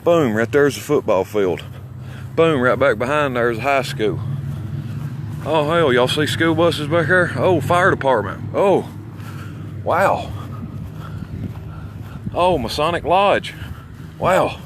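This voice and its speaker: With long pauses and a slow, animated delivery, this man in a mid-range voice rambles folksily, boasting and cursing as he strolls outdoors through a small town. He's an amateur vlogger from Alabama with a Southern accent from that state. Passing cars and outdoor ambience make the recording noisy.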